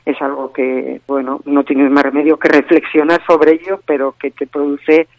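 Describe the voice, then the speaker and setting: A woman's voice: deep voice, flat delivery, moderate pace, no room sound. A woman speaking as a spokesperson for a victims' group, a guest on a radio interview by phone, earnest and emphatic, repeating key phrases. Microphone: telephone. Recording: tinny phone line.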